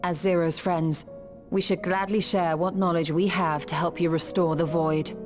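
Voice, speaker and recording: A poised young woman from a video game, played by an actress, speaks in a low, flat-contoured voice. She is kindly, formal and diplomatic, with music behind her. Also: close to an everyday voice. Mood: gentle, reasonable. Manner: formal, measured.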